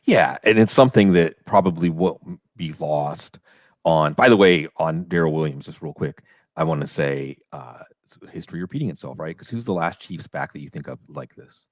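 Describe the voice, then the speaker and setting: A man's voice: extremely low pitch, lively intonation, moderate pace, no room sound, studio quality. A man from western Pennsylvania hosting a fantasy football podcast, rambling and asking questions in a casual chat. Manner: talkative, rambling, asks questions.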